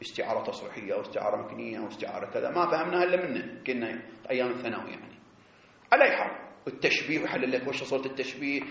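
A man giving a seminary lecture, explaining animatedly and drawing out key words slowly. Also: medium pitch, vocal fry, a bit bright. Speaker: teacher of religious jurisprudence. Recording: echoey, dull lo-fi classroom recording.

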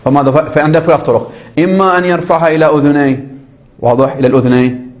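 A male teacher leads a jurisprudence lesson at a brisk pace, reading a passage and then unpacking it for his students. He keeps pausing to check that they follow and acts out phrases in several ways to show the difference. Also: fairly high pitch, steady tone. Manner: explanatory, keeps checking understanding with the class. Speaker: religious teacher.

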